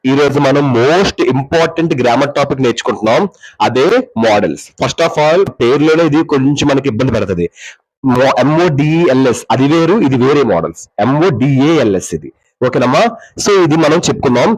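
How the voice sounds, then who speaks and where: A man's voice: mid-range voice, lively intonation, normal speed, a little mellow, husky, rough recording. A man teaching English grammar, explaining in mixed with English and often checking that his students follow. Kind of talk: classroom grammar lesson.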